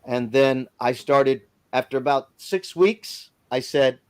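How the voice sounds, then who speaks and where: A man's voice: mid-range voice, takes it slowly, clean tone. A man casually telling a personal story on a live stream, in plain informal speech. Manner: lively storyteller who acts out others' lines.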